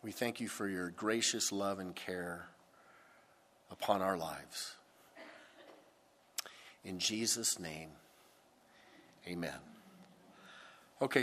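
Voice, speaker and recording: A pastor preaching a sermon into a pulpit microphone, with a deliberate, emphatic delivery. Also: male voice, deep voice, a bit bright, slight background noise. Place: church sanctuary. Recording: long church hall reverb.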